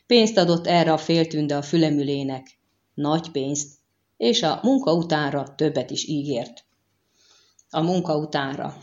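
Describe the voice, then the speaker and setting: A woman reading an audiobook and voicing a stern, calculating middle-aged male prefect who speaks with measured contempt. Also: sits low, a little mellow, highs cut off, natural voice.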